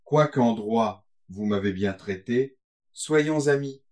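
A man's voice: medium pitch, slow pace, darkish tone, close to an everyday voice. A man playing an old grey-haired viscount, affable and courtly, speaking to a young student. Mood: genial. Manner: affable, patronizing.

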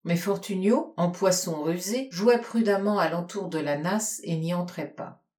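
A woman reading a literary audiobook aloud in a measured, expressive way. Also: lowish voice. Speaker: audiobook reader. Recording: echoey room.

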